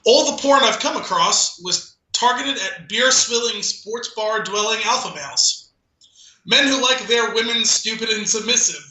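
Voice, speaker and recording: This podcast co-host reads a poem dramatically between casual chat, amused and repeatedly cracking up as he goes. His high, sharp voice is expressive at a normal pace, caught on a low-quality, reverberant recording.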